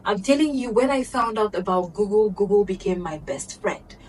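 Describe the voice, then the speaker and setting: A young woman vlogger telling a casual storytime, animated and laughing, dropping to whispers and rising to exclamations. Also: medium pitch, moderate pace, distant mic, slight background noise, low-quality recording.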